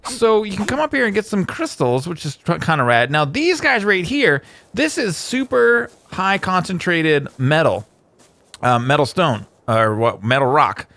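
A man's voice: fairly high pitch, expressive, a little slow, gravelly, pushed and bright, no echo. A man hosting a video game, rambling through casual commentary with lots of fillers and self-corrections. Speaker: gameplay video host.

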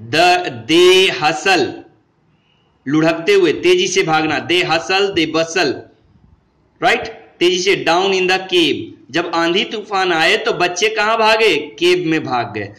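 A man's voice: high-pitched, measured pace, hardly any pauses, fairly bright tone, roomy sound, poor audio. A man with an Indian accent teaching English grammar, mixing Hindi and English and asking his students questions, then answering them himself.

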